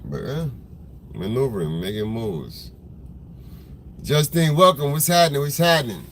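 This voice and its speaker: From his car in traffic, a man with a medium-pitched smoker's voice chats casually with viewers on a photography livestream. Expressive and moderately paced, he rambles in a laid-back, slangy way and calls out viewers by name over faint vehicle noise.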